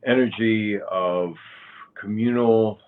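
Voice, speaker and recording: Cuban-born man, 60s, very deep and unhurried, halting fillers; thin phone-like audio. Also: steady tone. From Cuba. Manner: slow, halting, with many fillers and restarts. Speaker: guest, author and pagan high priest. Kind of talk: interview conversation.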